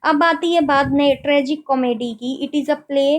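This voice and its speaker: A woman with a high voice teaches literary terms for an exam at an unhurried pace. She reads each definition slowly, then goes over it again with quick questions. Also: poor audio. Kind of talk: exam-prep lecture in Hindi and English.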